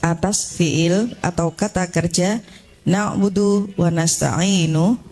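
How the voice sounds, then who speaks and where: A woman's voice: fairly low pitch, steady tone, slow, a little mellow. A woman in a mosque study class reading a translated religious commentary aloud when the teacher calls on her.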